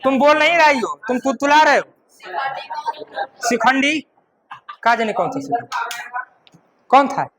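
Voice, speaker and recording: High-pitched man teaching grammar. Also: lively intonation, unhurried, long pauses, a crowd in the background, rough recording. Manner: repeats points and asks the class questions; mixes in Bhojpuri-style dialect. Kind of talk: classroom lecture.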